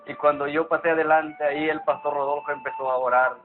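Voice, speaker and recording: A man's voice: a little high, little pitch movement. Earnest man, tinny sound. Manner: earnest, halting, with restarts. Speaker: church member giving testimony. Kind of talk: personal testimony. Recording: tinny phone-like sound with music behind.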